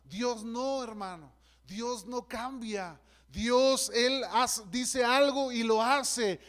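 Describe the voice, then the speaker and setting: A man's voice: very high voice, extremely slow, fairly bright tone. A male pastor preaching a sermon with fervor, often calling out to his listeners as brother. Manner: fervent preaching, often calls out "hermano".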